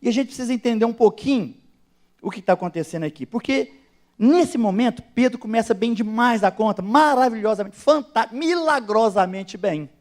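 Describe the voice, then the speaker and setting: A male pastor, preaching a sermon with animated, emphatic rises and direct address to his listeners. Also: very high voice, moderate pace.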